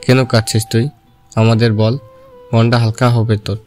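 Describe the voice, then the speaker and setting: An actor playing a gentle, worried middle-aged father who coaxes his daughter. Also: mid-range voice, level tone, moderate pace, soft background music, natural voice. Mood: tender. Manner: soft, coaxing.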